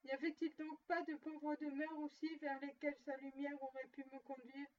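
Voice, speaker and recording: A grave, tormented male ghost bound in chains speaks slowly and solemnly, as a woman reads him aloud in a storybook reading. The voice sits high. The sound is dull and picked up from a distance. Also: level tone, darkish tone, natural voice. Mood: mournful. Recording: muffled and distant.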